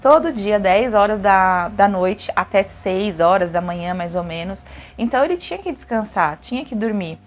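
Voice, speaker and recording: Young woman, Brazilian Portuguese accent, mid-pitched, casual confessional vlog delivery, speaks directly to viewers. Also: animated, normal speed, a little hiss or hum. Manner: chatty, addresses viewers directly. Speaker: vlogger. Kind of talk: emotional personal confession.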